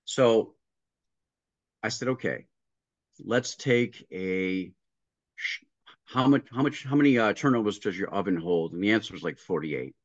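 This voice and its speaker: A middle-aged man, a guest who works as a restaurant consultant, speaks over a video call from a room at home with a painting behind him. His voice sits on the low side and he talks unhurriedly with long pauses, walking through work stories step by step, acting out the dialogue and often restarting in this casual interview. The audio is dry and muffled.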